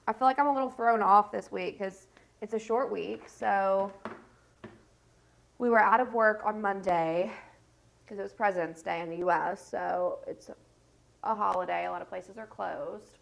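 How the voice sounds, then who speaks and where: A woman's voice: mid-range voice, normal speed, gravelly, poor audio. A woman in her thirties, congested and stuffy-nosed, chatting in a rambling way with lots of fillers as she hosts a get-ready-with-me vlog from home. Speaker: beauty vlogger host. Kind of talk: casual get-ready-with-me chat.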